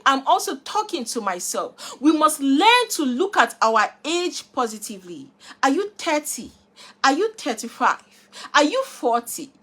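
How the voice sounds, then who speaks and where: A woman's voice: high voice, fairly bright tone. A woman giving an emphatic motivational talk, repeating rhetorical questions to her listeners. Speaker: motivational speaker. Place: live online session, replayed.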